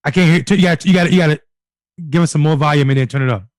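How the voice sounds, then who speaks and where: A man's voice: a little high, rapid-fire, no echo, studio quality. A man hosting a casual political chat show, bantering loosely with jokes and profanity. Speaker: host.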